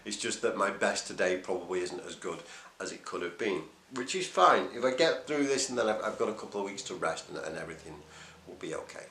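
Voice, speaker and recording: A man's voice: low-pitched, lively intonation, fairly quick, sharp tone, reverberant. A man recording a casual, hesitant video diary, thinking aloud as he talks. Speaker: runner vlogging his race preparation.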